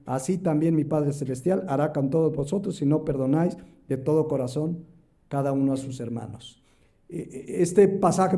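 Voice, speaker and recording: A man's voice: fairly high pitch, dark tone. A male pastor preaching a sermon, emphatic, rising and dropping his voice for stress and acting out quoted speech. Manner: acts out quoted voices in the parable.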